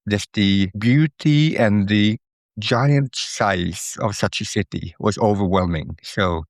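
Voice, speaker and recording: Man, middle-aged, from Norway, low voice, measured, thoughtful, dry recording. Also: no room sound. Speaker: interview guest, Italian student. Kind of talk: conversational interview.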